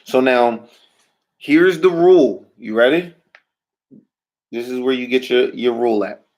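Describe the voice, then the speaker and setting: A man teaching a language class in a slow, unhurried way. His voice is gravelly with a touch of fry. He keeps checking in with "right?" and asks his students questions. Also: mid-range voice, a little mellow. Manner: checks in often with "right?" and "all right?". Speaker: Hebrew teacher. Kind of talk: classroom lesson.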